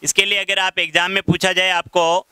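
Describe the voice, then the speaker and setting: Bright, clear-voiced male teacher. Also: sits high, little pitch movement, fairly quick, no echo. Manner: mixes English terms into Hindi, spells words letter by letter. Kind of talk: casual online English lesson.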